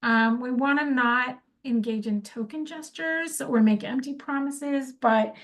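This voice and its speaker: A woman's voice: high-pitched, measured pace, a bit bright. Woman coaching on effective apologies. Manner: conversational, frequent fillers and restarts; acts out sample apologies in quoted speech. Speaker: workplace conflict educator. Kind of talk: informal instructional talk.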